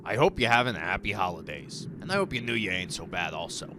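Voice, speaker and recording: A man's voice: deep voice, sing-song, fast, background noise. A man playing a jolly ghoul horror host, presenting in a campy, theatrical way with slangy, folksy address to his audience. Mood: jolly, showy.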